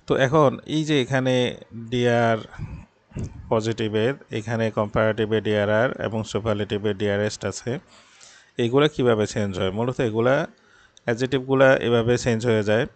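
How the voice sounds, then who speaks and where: A young male tutor speaking gives a grammar lesson. He explains patiently and step by step, slowing down to read out the example sentences. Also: medium pitch, fairly even intonation, no room sound.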